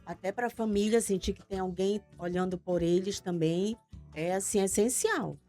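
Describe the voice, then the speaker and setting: A woman chats as a studio guest, talkative and openly emotional about her work. Her voice sits at a middle pitch. Faint music plays under the talk. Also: normal speed, warm tone. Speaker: guest, patient association organizer. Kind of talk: casual TV interview chat.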